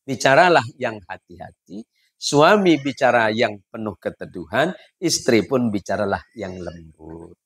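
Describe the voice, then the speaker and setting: Lively male preacher telling jokes. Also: on the low side, a little slow, creaky, breathy edge, no room sound. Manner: lively storyteller. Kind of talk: wedding sermon with jokes. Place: wedding gathering.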